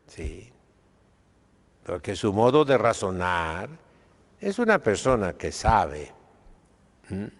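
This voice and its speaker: A man's voice: fairly low pitch, sing-song, takes it slowly, pauses often, in a large hall. A Mexican man preaching a sermon as a priest, emphatic and direct, checking in with his listeners with questioning asides.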